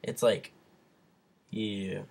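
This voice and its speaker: A man's voice: on the low side, flat delivery, drawn-out words, creaky, darkish tone. Young man with hiccups, rambling vlog. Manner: rambling, restarts, frequent fillers. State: has hiccups; sick. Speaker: vlogger. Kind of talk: casual vlog update. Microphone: computer webcam mic.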